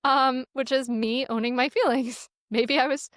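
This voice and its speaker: A middle-aged woman in an interview, giving parenting advice in an animated, storytelling way, often laughing and restarting her sentences. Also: high-pitched, normal speed, no echo, studio quality. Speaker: parenting guest.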